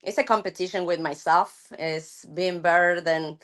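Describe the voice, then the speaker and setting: A middle-aged woman from Argentina, a softball coach chatting thoughtfully in an interview, with many fillers and restarts. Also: fairly low pitch, fairly even intonation, moderate pace. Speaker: college softball head coach. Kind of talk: casual interview chat.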